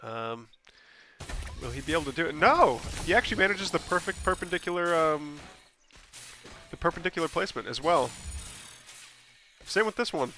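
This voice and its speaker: A game caster does solo replay commentary in a stuffy, scratchy voice from a cold, a little high and at a moderate pace. He talks casually and rambles, pausing often, with lots of ums, self-corrections and restarts, plus sudden bursts of excitement.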